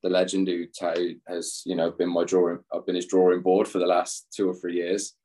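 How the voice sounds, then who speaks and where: Low-voiced rambling English man. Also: monotone, fairly quick, warm tone. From England. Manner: rambling, laughs often, self-deprecating. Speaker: interview guest, former footballer. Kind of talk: casual chat.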